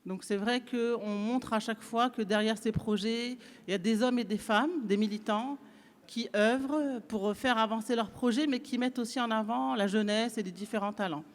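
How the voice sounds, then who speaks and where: A woman's voice: fairly high pitch, moderate pace. A woman from Morocco with a French accent, welcoming guests to a round table, hesitant with many fillers as she switches between French and English. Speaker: event organizer welcoming a panel. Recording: long hall reverb.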